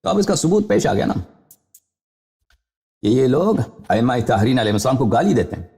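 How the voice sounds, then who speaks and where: A man's voice: very animated, warm tone. A man hosting a live call-in religious debate, combative and interrupting. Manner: combative and interrupting, voice swinging widely in pitch.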